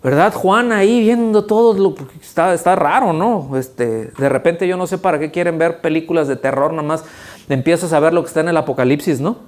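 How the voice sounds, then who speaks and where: Male pastor, slightly high pitch; animated conversational sermon full of rhetorical questions to the congregation. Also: fairly quick. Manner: animated, conversational preaching with frequent rhetorical check-ins. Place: church sanctuary.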